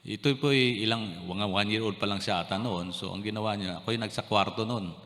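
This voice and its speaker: Filipino pastor preaching in a reverberant hall. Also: male voice, on the low side, a little fast, fairly bright tone. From Philippines. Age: middle-aged. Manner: mixes Tagalog and English, preaching with story and questions; repeats and restarts words mid-phrase. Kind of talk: sermon. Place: church hall. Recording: long reverb of a church hall.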